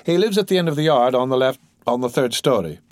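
A man voicing a brisk, obliging woman fruit seller in an audiobook. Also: medium pitch, lively intonation, no room sound, studio quality, natural voice.

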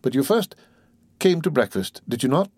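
A man's voice: medium pitch, sing-song, moderate pace, a little mellow, husky, no echo, clean studio sound, pitched above the performer's own voice. A man voicing a sly, sentimental old male innkeeper who talks in a wheedling, sententious way, in an audiobook.

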